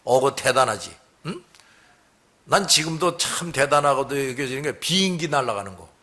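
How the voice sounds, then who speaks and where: A man's voice: medium pitch, expressive, moderate pace, bright, forceful tone. A middle-aged man pastor giving a folksy sermon on hymn lyrics, full of rhetorical questions.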